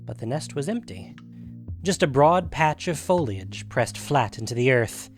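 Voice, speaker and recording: Over gentle background music, a man with a mid-range voice reads a fantasy narrative from a script. He keeps a measured, dramatic delivery and sounds very animated.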